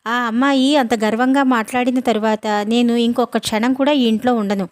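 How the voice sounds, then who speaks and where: A woman's voice: on the high side, steady tone, lightly acted. A woman voicing a spoiled, hot-headed young man who talks rudely, in a storybook reading. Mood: sulky. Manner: rude, quick-tempered.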